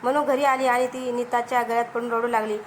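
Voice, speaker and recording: A woman storyteller reading a romantic story with steady, emotive narration. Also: on the high side, a little fast, a little hiss or hum, rough recording.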